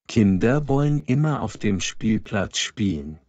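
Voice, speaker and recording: A man slowly reading example sentences aloud for language learners, each one twice. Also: on the low side, big pitch swings, a little mellow, dry recording, highs cut off. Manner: reads each full sentence twice, clearly and evenly.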